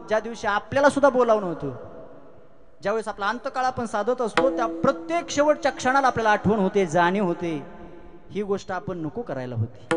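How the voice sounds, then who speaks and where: A man preaching a devotional sermon as a storyteller, dramatic, swinging between soaring loud lines and soft asides and questioning his audience directly. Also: sits high. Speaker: kirtan preacher. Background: music.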